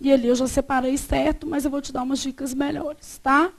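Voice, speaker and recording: A woman's voice: high-pitched, level tone, a little fast. A woman with a Brazilian accent teaching a grammar class, asking the students to fill in words and repeating the answers. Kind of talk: classroom lecture.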